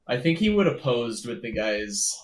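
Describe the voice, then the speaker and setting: A man's voice: medium pitch, sing-song, moderate pace, crowd noise. A man playing in a tabletop game, chatting casually and stumbling over his words. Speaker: player. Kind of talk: casual chat.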